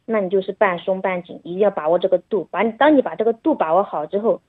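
A woman's voice: medium pitch, quick pace, breathy edge, dry recording. A woman, a mother, chatting casually about her son and acting out their conversations. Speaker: mother sharing parenting story. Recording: phone-like, narrow sound.

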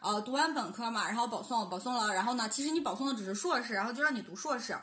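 A woman's voice: a little high, very fast, bright, forceful tone. A young adult woman co-hosting a casual podcast chat, rambling and laughing between her points. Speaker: podcast co-host. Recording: roomy echo.

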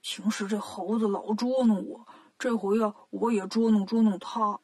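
A woman's voice: mid-range voice, fairly even intonation, normal speed, darkish tone, husky, pitched below the performer's own voice. A woman voicing a lazy, sly male pig-monk in a children's story.

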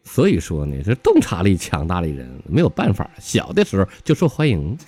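A low-voiced man telling jokes in a broad Northeastern Mandarin accent, his pitch swinging wide as he mimics the people in his stories. He chuckles at his own punchlines and keeps an easy comic storyteller's rhythm. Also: brisk, heavy background noise. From Northeast China. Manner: lively, laughing at his own jokes, jumps pitch for quoted characters. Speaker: comedy show host.

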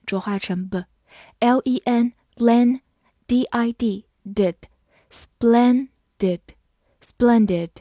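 A woman teaching English words in a patient vocabulary lesson. She spells each word letter by letter and reads example sentences slowly. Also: fairly high pitch, warm tone, dry recording, studio quality. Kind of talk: vocabulary lesson, spelling and slow read-alongs.

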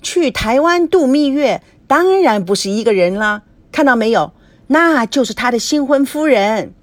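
A woman's voice: big pitch swings, moderate pace, a little mellow, no echo, lightly acted. A woman voicing a nosy, show-off young man who butts in and chatters eagerly. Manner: eager, chattering, high-pitched.

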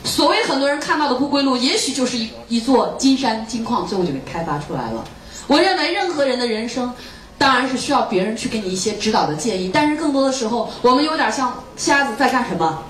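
A woman's voice: fairly high pitch, very animated, fast, a bit bright. A woman lecturer giving a motivational talk to students, often firing rhetorical questions at the audience. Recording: echoey room, mic far off, faint noise.

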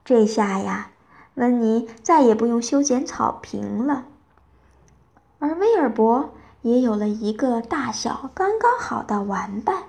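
Lady reading a bedtime story to kids, slow and gentle, kinda high voice. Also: lively intonation, creaky.

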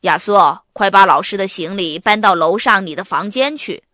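A woman voicing a reasonable father aardvark, reading his lines lower and firm. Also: normal speed, sharp tone, no echo, studio quality, close to an everyday voice.

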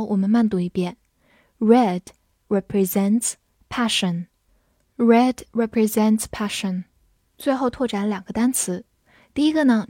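A woman teaching English vocabulary, spelling words letter by letter and reading example sentences slowly for students to follow. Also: medium pitch, dark tone, dry recording, studio quality. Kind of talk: vocabulary lesson narration.

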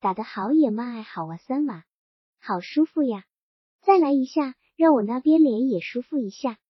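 A domineering, half-drunk middle-aged landlord barks orders and mocks the boy in front of him, voiced by a woman narrator. His lines come out gruff and scornful, though the voice sits high and a little husky. The storybook recording is dull and dry. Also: animated, normal speed, no echo. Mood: drunkenly emotional. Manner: gruff, mocking and bossy.

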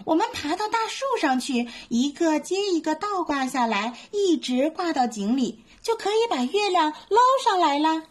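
A woman voicing a frightened, excitable little boy monkey who cries out in squeals and whines. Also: sits high, normal speed, hardly any pauses, pitched above the performer's own voice. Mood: eager.

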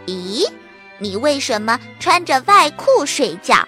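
A woman voicing a cheeky little sister in a storybook, her voice pitched high and bright with a teasing singsong. She sounds bossy and full of mischief. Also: expressive, a little slow, faint music behind, heavily acted.

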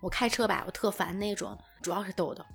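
Fast-talking woman podcast host. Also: mid-range voice, vocal fry, breathy edge, faint music behind. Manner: animated storytelling, rapid-fire. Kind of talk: casual chat.

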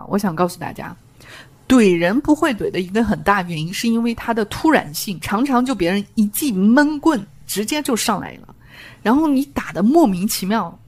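A woman hosting a podcast, talking in a lively, emphatic coaching tone as she gives advice. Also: mid-range voice. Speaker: podcast host. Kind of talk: advice talk.

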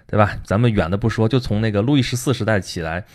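A man's voice: lowish voice, fast. A man hosting a casual history talk, speaking conversationally and tagging his points with rhetorical questions. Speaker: host.

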